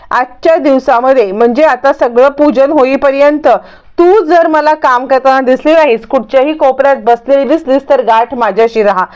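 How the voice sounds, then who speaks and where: A woman voicing a scheming, bossy middle-aged woman who scolds in a slow, stern, hectoring way, on a dull lo-fi recording. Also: high-pitched, darkish tone, lightly acted.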